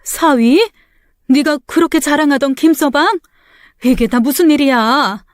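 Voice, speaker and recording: A woman's voice: high-pitched, unhurried, dry recording, clean studio sound. A woman voicing a startled middle-aged restaurant owner who demands to know what is happening. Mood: shocked. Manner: shocked, questioning.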